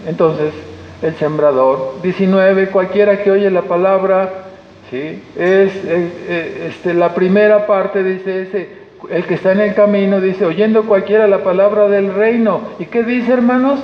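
A man's voice: sits high, steady tone, unhurried. A man preaching a sermon as pastor with a Mexican Spanish accent, talking conversationally and acting out the voices of people he quotes. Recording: echoey hall, dull lo-fi sound.

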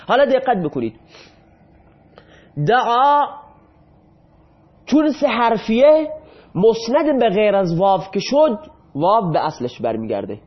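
High lively guy teaching grammar, asks then answers himself, muffled lo-fi sound. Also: slightly rough. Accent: Iranian Persian. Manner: asks questions and answers them himself, drills verb forms. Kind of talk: classroom grammar lesson. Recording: dull lo-fi classroom recording.

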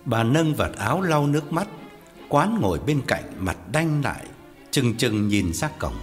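Expressive male audiobook narrator. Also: mid-range voice, measured pace. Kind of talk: scripted story narration. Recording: long reverb with faint music.

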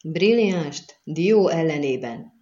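A man's voice: a little high, a little mellow, natural voice. A woman reading an audiobook, voicing a cruel, mocking man who taunts in a sneering tone, in a dull, lo-fi recording.

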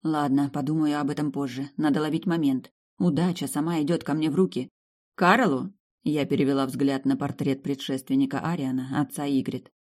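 A woman narrates a first-person audiobook in a calm, even storytelling manner. Her voice is low and mellow, with an unhurried, warm evenness. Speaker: audiobook reader.

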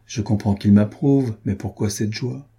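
A man voicing a reserved young nobleman in a classic novel reading, musing quietly. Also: lowish voice, a little slow, husky. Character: young Protestant nobleman, thoughtful.

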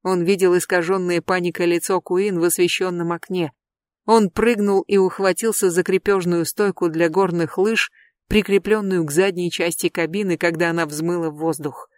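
Steady thriller audiobook narrator. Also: mid-range voice, moderate pace, no room sound, clean studio sound.

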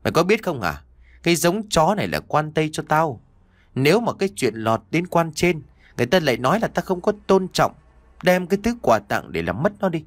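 A cruel, sneering landlord, as a male narrator puts him on for an audio story, his pitch pushed up above the reader's own and swinging widely. He talks with open menace. The sound is dry and close. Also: sing-song, fairly quick, no echo. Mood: menacing. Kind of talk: audiobook character voice.

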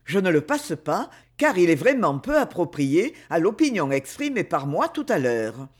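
A man reading aloud and voicing a proud young duke who speaks with calm, dry irony, in a lively, varied voice. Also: high voice, normal speed. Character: proud ironic young duke, aloof and grave.

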